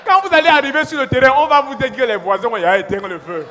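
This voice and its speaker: A man's voice: very high voice, racing, a little hiss or hum. A man doing a blunt mocking schoolteacher. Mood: teasing. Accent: Cameroonian French. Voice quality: loud, teasing, calls pupils by name. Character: blunt mocking male primary school teacher. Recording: live stand-up stage, long hall reverb.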